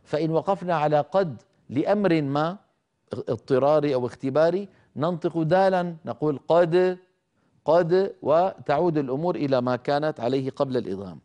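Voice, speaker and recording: A middle-aged man teaching Quran recitation, explaining rules and slowly demonstrating each sound. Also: fairly high pitch, dark tone, lo-fi sound. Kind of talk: televised tajweed lesson with live callers.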